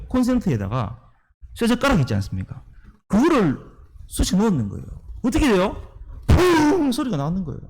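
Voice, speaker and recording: A man's voice: sits high, breathy edge. A male pastor preaching a sermon, emphatic and full of rhetorical questions to the congregation, sounding tired and worn out from preaching often. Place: church sanctuary.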